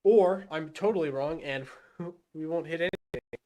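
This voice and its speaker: Guy streaming a space game, kinda high voice, muttering to himself as he plays. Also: unhurried, darkish tone. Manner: thinks aloud, talking himself through each step; self-muttering with fillers and restarts. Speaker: gaming livestreamer. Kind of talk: casual live gameplay commentary.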